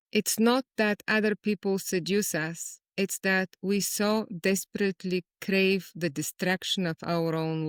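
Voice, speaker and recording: A Bulgarian-born woman, a guest poet, talking in a reflective, measured way in an interview. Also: mid-range voice, smooth, dry recording, studio quality. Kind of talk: conversational interview.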